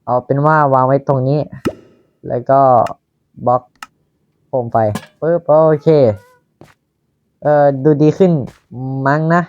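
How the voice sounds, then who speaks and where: Slow-talking Thai man, lo-fi. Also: on the high side, a little mellow, clean tone. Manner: slow, chatty, talking to himself while building. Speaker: Minecraft YouTuber. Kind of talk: casual gameplay commentary.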